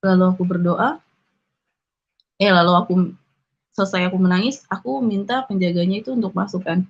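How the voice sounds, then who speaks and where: A woman's voice: mid-range voice, brisk, breathy edge. A young woman earnestly telling her personal conversion testimony, acting out the people she met. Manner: earnest, emotional retelling with quoted dialogue. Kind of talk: personal testimony, casual storytelling. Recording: dull lo-fi recording.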